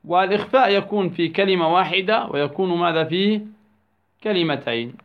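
Male tajweed teacher, high-pitched, drawing out example words slowly; muffled lo-fi sound. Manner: asks prompting questions then answers them. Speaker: Quran recitation teacher. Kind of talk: tajweed lesson. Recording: dull lo-fi recording.

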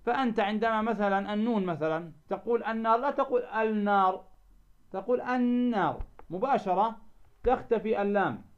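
A man teaching a lesson on recitation rules. He asks the class questions for them to finish and slows down to sound out example words. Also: sits high. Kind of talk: tajweed lesson explaining a didactic poem. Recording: dull lo-fi recording.

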